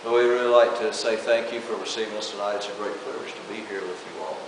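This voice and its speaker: A man's voice: lowish voice, quick pace. A man interpreting a church talk into English, hesitant with frequent fillers, in a large church hall. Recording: echoey hall from far off, hiss.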